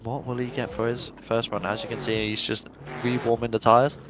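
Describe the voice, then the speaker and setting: A man's voice: medium pitch, flat delivery, a little fast, background noise. A young man giving chatty, upbeat play-by-play commentary on a virtual drift event and reading out live chat.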